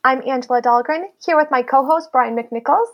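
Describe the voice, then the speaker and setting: A woman's voice: high voice, brisk. A woman hosting a podcast, chatting in an upbeat, conversational way with her guest. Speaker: podcast host. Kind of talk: casual podcast chat.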